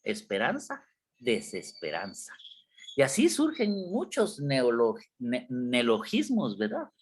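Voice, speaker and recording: In an unhurried, medium-pitched voice that swoops wildly and sounds darkish and slightly rough, a university lecturer from Guatemala addresses his class. Examples carry his explanations, and he keeps asking students repeated tag questions.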